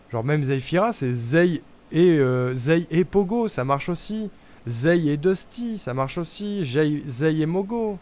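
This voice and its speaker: A man's voice: a little high, a little mellow. A young man streaming a puzzle game, thinking aloud in casual chat as he tests guesses and mutters to himself. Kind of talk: casual live-stream commentary.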